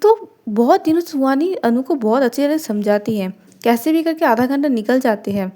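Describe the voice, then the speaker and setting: A woman's voice: high voice, expressive, normal speed, warm tone. A woman narrating a love story in a chatty, conversational way, often restarting and repeating herself. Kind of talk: casual spoken story narration.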